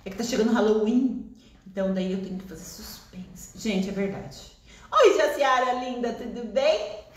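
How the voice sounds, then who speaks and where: A woman's voice: fairly high pitch, normal speed, roomy sound. A Brazilian woman hosting a live crochet session, chatty and laughing often, with a lingering cough, seated in a shop. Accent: Brazilian Portuguese. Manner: chatty, warm greetings to viewers, laughs often. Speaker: crochet teacher. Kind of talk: live-stream crochet chat.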